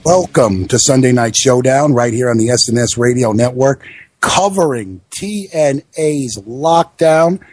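A man with a husky voice at middle pitch hosts a casual sports radio show. He talks bluntly, in a very dry, close recording. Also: a little slow, a little mellow, dry recording, soft background music. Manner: blunt, freely swearing. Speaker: host of a wrestling radio show. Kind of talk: casual live commentary chat.

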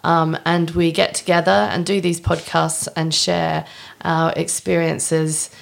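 Gravelly woman hosting a podcast. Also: sits low, little pitch movement, takes it slowly. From England. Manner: giggly, chatty, hesitant with ums. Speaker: podcast co-host. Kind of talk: casual chat.

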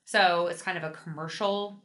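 Bright-voiced chatty woman podcaster. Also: on the low side, normal speed. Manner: chatty, animated storyteller. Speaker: podcast co-host. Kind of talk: casual chat.

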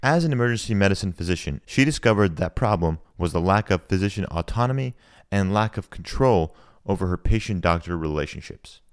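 A man's voice: deep voice, clean tone, no echo, clean studio sound. A man hosting a podcast, introducing the show and interviewing a guest in an upbeat, conversational way. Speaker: podcast host.

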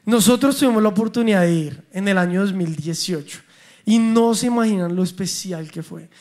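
A young man with a Colombian accent, preaching a sermon and telling personal stories in an animated, humorous way. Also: sits high, brisk. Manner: animated, humorous storytelling with acted dialogue.

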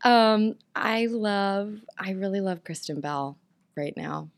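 A woman's voice: mid-range voice, animated, slow pace. A young woman, a Broadway actress, chatting as a guest, giggly and hesitant with many ums. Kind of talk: casual interview chat.

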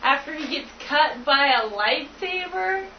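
High-voiced teasing woman, off-mic. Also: expressive, a little slow, slight background noise. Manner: teasing, playful interjections. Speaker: podcast co-host. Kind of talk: casual podcast chat. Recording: distant, echoey and lo-fi.

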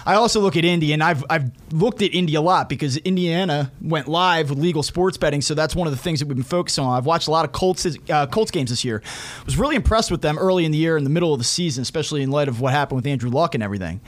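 A man with a somewhat high-pitched voice talks through sports analysis. He sounds conversational, like a podcaster explaining his reasoning. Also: fast talker. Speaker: sports betting commentator and podcaster.

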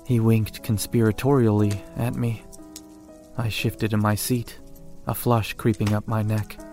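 Man, horror story narrator, first-person, measured, low voice, faint music behind. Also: little pitch movement, dark tone.

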